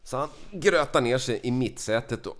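A man's voice: medium pitch, lively intonation, fairly bright tone. A man telling a funny travel story in casual chat, acting out the quotes with big swings in his voice. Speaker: podcast host.

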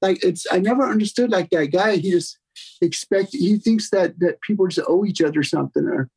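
A male podcast guest with a raspy, husky voice. He chats casually in a laid-back way, often halting and circling back over his phrases. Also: high-pitched, a little mellow. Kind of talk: casual chat.

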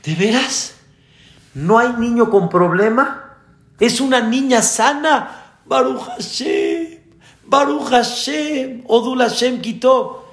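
A man's voice: high voice, fairly even intonation, very slow, vocal fry, hardly any pauses, mellow, echoey room, pitched above the performer's own voice, full character voice. A man, acting out a distraught father during a sermon story. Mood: relieved. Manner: pleading, crying out in distress. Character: grown man, anxious worried father.

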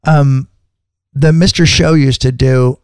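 A man's voice: medium pitch, steady tone, slow, smooth, dry recording, clean studio sound. A man co-hosting a casual podcast, rambling and agreeing often. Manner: rambling, restarts, frequent "right". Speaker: podcast co-host. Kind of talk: casual chat.

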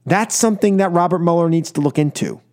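A radio talk show host, an American man, runs political opinion monologues and caller segments. He talks fast in a slightly high, a little mellow voice, sounding emphatic and exasperated, with frequent repeated phrases and rhetorical questions.

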